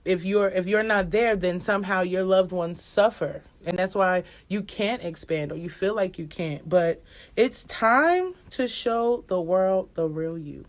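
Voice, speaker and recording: A woman's voice: fairly low pitch, a little slow. A woman giving a casual astrology reading as an oracle card reader, rambling and repetitive, speaking straight to viewers and swearing now and then.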